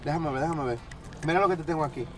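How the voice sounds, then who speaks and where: A man, a content creator, teasing and joking loudly in playful banter inside a car. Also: on the high side, racing, background noise. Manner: loud, animated, teasing, shouts often.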